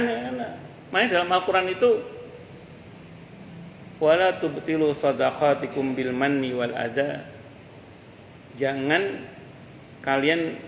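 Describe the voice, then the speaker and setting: A man's voice: fairly high pitch, fairly bright tone, a little hiss or hum. A man giving a conversational religious study lecture in a mosque, mixing folk sayings with asides. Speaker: ustadz teaching a mosque study circle. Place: mosque hall. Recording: echoey mosque hall with faint ambience.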